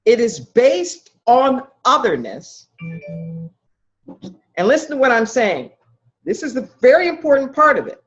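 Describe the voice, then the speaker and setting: A woman's voice: a little high, very animated, a little slow, long pauses, lo-fi sound, soft background music. A woman minister teaching a class, emphatic, posing questions to her listeners and repeating their answers back. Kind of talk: interactive spiritual lecture.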